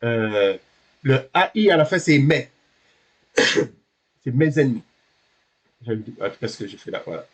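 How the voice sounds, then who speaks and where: A man teaching a beginner Hebrew class, halting and correcting himself, patiently checking that his students understand. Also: mid-range voice, sing-song.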